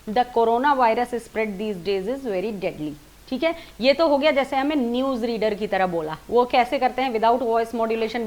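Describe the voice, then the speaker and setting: A woman with a high voice teaches presentation skills. She explains each point step by step and stops to demonstrate sample lines, leaning hard on the key words. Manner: demonstrates lines with stressed words and slow, measured delivery. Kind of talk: spoken lesson on presenting.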